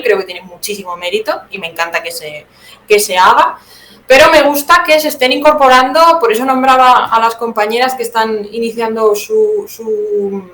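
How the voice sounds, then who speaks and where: In a conversational interview, a guest playwright from Teruel speaks with a Spanish accent, her voice medium-pitched and a little bright. She gives thoughtful answers, revising herself mid-thought, in a room with noticeable echo and some background noise.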